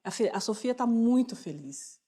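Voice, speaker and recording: A woman's voice: on the high side, expressive, moderate pace, mellow, husky. Brief: woman TV guest, earnest and emphatic, reverberant studio sound. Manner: earnest, repetitive restarts. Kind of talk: TV studio conversation.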